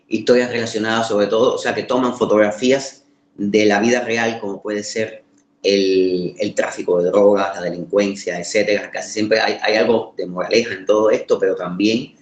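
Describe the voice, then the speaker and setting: A man from the Caribbean with a Caribbean Spanish accent gives an informal lecture, pausing to search for words and repeating phrases for emphasis. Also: fairly low pitch, steady tone. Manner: emphatic repetition for rhetorical effect, halting word searches. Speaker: course lecturer. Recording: roomy, echoing sound.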